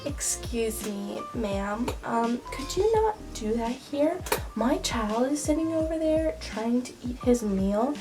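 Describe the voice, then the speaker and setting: A woman's voice: a little high, expressive, takes it slowly, over music, voice pushed up. A woman with a head cold acting out an indignant, prim mother who scolds in a disapproving manner.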